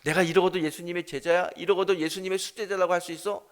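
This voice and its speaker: A man's voice: on the high side, brisk, lightly acted. A man preaching in the voice of an ashamed, grieving fisherman disciple who reproaches himself in a sobbing lament. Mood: anguished.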